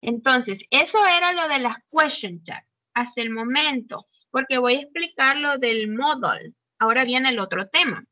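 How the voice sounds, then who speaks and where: A woman's voice: high-pitched, moderate pace, pushed and bright, no echo. A woman teaching an English grammar class online, explaining in Spanish with English examples and checking in often. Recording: dull, muffled online audio.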